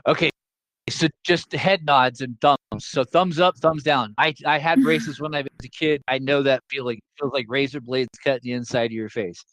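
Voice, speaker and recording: A man teaches a casual online class over a video call, joking and repeating his points to keep them simple. His mid-range voice is a bit bright at a moderate pace, on a dry, rough recording.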